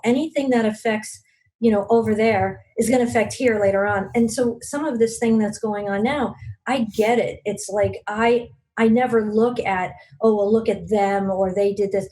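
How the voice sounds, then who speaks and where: On a low-quality recording, a warm, medium-pitched voice tells stories earnestly. The speaker is a Long Island, New York woman who leads a regional business network and is a podcast interview guest; she uses many fillers and frequently restarts her sentences.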